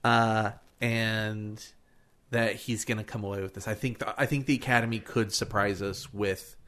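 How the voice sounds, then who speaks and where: A man's voice: fairly low pitch, steady tone, normal speed, a bit bright. A man hosting a casual movie podcast who rambles and fills his sentences with "um" and "like.". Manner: rambling, filler-heavy. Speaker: podcast host.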